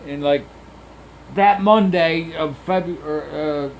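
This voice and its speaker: A man drawls through a long personal story at an unhurried crawl, and nearly every sentence carries a curse word. He stumbles, repeats himself and circles back, filling the gaps with "uh" and "like". A faint hum of background noise sits behind his voice. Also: fairly high pitch. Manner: heavily profane, rambling, with frequent restarts and fillers. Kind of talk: rambling first-person story monologue.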